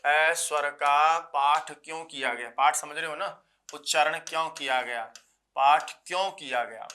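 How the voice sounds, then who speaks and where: Male Sanskrit teacher for an exam-prep lecture: bright, somewhat high voice, slow repetitions and questions to the class. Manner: repeats key phrases slowly, asks students rhetorical questions; recites Sanskrit rules in a measured chant.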